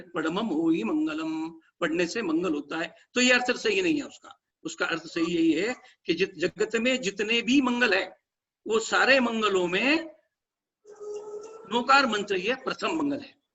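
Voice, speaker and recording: A man's voice: sits high, pushed and bright, slightly rough, muffled recording. A man giving a religious lesson, patiently explaining prayer pronunciation, repeating himself and chanting short prayer phrases. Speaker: religious teacher.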